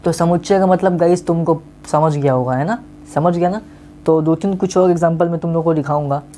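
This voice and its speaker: A man's voice: on the high side, fairly quick, warm tone, a little hiss or hum. A male teacher gives a casual online maths lesson, coaxing his students and often checking that they have understood.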